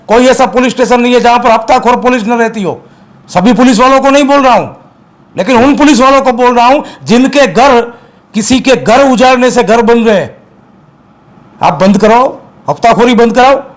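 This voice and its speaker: A man from Gujarat, an activist guest, speaking forcefully and accusingly in a heated interview, repeating his points. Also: extremely high pitch, brisk.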